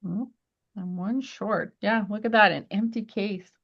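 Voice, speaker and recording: A woman's voice: mid-range voice, steady tone, measured pace, creaky, highs cut off. A woman teaching a live crafting class at home, chatty and friendly, walking viewers through each step. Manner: chatty, friendly instructing with little laughs.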